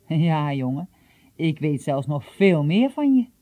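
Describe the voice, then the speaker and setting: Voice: medium pitch, big pitch swings, slow pace, mellow. A reader voicing a shrewd, secretive old male gardener who talks in a confiding, mildly teasing way, in an audiobook. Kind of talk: audiobook reading.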